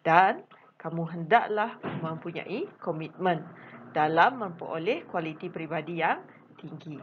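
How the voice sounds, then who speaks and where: A woman's voice: fairly low pitch, expressive, a little slow, muffled recording, a little hiss or hum. A woman teacher speaking Malaysian Malay, giving a patient recorded lesson to special education students, repeating her points with frequent fillers.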